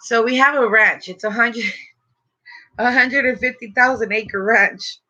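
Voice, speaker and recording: Bright-voiced young stoner woman, slangy and sweary. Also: on the high side, fairly even intonation, measured pace. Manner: slangy, profane stoner talk. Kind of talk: casual chat. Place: small dim bedroom indoors. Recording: dull lo-fi room recording.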